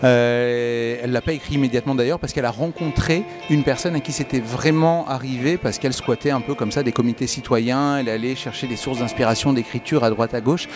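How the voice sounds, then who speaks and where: Guy hosting live festival radio, chatty, guitar playing loud behind him. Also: medium pitch, a little fast, hardly any pauses. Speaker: radio host.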